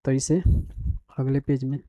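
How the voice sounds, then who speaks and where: Slow, mellow male teacher dictating notes. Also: mid-range voice, little pitch movement, no echo. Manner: dictates slowly word by word while writing; repeats definitions and quizzes the class. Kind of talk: school grammar lesson.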